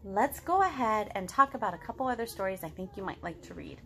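In her living room, a woman in her thirties leads an interactive picture-book storytime for young children, asking them simple questions. Her mid-range voice is animated, quick and fairly bright, with slight background noise.

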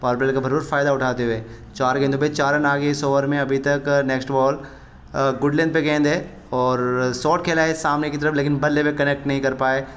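A man giving excited cricket commentary as a gaming streamer, often repeating himself and addressing his viewers. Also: mid-range voice, a little fast, slight background noise.

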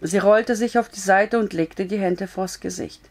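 Calm woman reading a novel aloud. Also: medium pitch, moderate pace. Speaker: storyteller.

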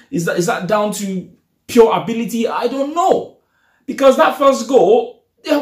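A high-voiced young man talks straight into a camera set up in front of him, venting after a match. He sounds animated and frustrated, gesturing as he goes. The small room adds a clear echo. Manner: animated, frustrated, gestures a lot while talking. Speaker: football fan vlogger. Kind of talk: casual post-match reaction.

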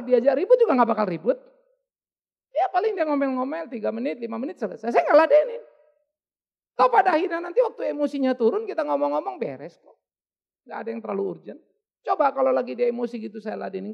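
A woman's voice: high voice, expressive, fast talker, creaky, dull audio, pitched above the performer's own voice, full character voice. A man quoting an elderly woman who talks in a plain, chatty way. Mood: matter-of-fact. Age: older. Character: calm elderly woman recalling her marriage.

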